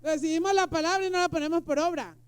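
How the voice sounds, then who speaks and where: A woman's voice: very high voice, fast talker, dry recording. A woman pastor preaching a sermon, emphatic and firing rhetorical questions at the congregation. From Colombia.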